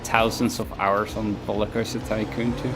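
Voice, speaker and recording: A man's voice: fairly low pitch, flat delivery, normal speed. Rambling male streamer over game music. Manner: rambling, self-mocking, trailing off. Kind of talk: casual chat while gaming. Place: at home.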